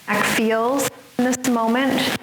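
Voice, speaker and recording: Slow, soothing woman yoga teacher. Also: a little high, flat delivery. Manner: slow, soothing cues paced to the breath. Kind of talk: guided yoga instruction. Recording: echoey room, faint background hiss.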